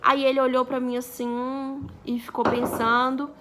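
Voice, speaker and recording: Here a twenty-something vlogger from Brazil chats her way through a story, performing the lines of dialogue as she goes. She speaks high and unhurried with a flat delivery, and there's noise in the background.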